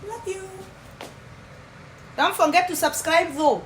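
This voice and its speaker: Her voice is very high-pitched and her pace slow. A vlogger in her thirties from Kenya with a Kenyan accent and Kimeru as her first language, she chats with viewers about her story and slips in Swahili phrases, captured far off in an echoey room with a loud hum behind her.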